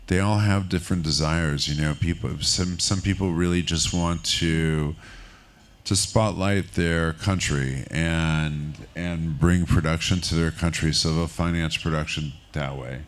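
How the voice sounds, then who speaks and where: Deep-voiced man, candid festival stage chat. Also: unhurried. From France. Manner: relaxed, candid, talks in loose rambling bursts. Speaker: film finance executive, keynote guest. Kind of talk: onstage conversation. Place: stage at a film festival market.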